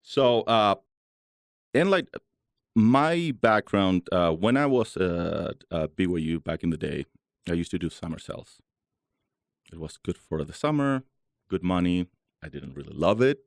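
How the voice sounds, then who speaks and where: Deep gravelly man from Chile. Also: measured pace, long pauses, no echo, studio quality. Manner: relaxed, chatty, frequent "uh" fillers. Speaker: guest, solar company founder. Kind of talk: casual interview talk.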